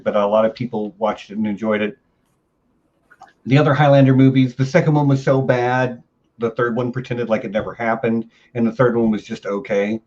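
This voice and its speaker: A man's voice: mid-range voice, darkish tone. Upbeat male host on a dull mic. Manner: easygoing, upbeat. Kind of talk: casual podcast chat.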